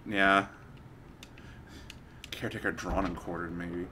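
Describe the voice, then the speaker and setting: A man playing a game on stream, cracking crude jokes in casual commentary and sometimes bursting into shouts. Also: low-pitched, steady tone, slow, noisy background. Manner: crude joking, sudden shouted outbursts. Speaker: let's play streamer.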